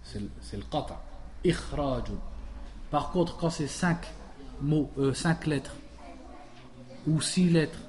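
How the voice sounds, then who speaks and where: A man's voice: medium pitch, darkish tone. A man teaching a religious studies class, explaining a text patiently and stopping to ask the class questions. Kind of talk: classroom lesson, reading and explaining.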